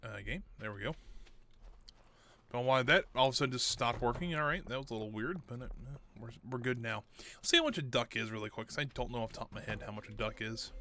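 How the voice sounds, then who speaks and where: A man's voice: mid-range voice, fast talker, bright, forceful tone, a little hiss or hum. A man casually chatting with his viewers while he plays a game, correcting himself as he goes. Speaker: streamer.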